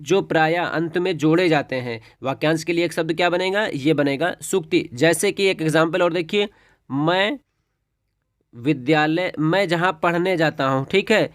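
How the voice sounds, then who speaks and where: Male teacher, exam-prep lesson, slightly high pitch, dry close sound, methodical explanations. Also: normal speed, no room sound. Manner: explains step by step, often says "ठीक है".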